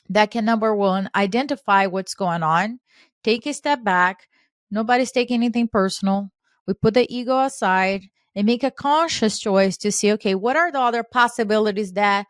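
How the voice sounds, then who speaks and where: A woman co-hosting a podcast, talking earnestly in a coaching manner and voicing quoted lines with lively emphasis. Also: medium pitch, dry recording, clean studio sound. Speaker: podcast co-host. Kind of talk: casual podcast conversation.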